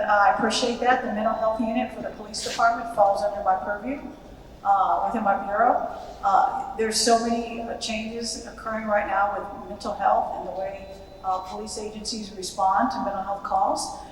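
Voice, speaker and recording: A woman's voice: mid-range voice, fairly even intonation, moderate pace. An American woman speaking as a police official, giving a public presentation to an audience. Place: large reverberant event room. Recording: very echoey hall, distant, faint noise.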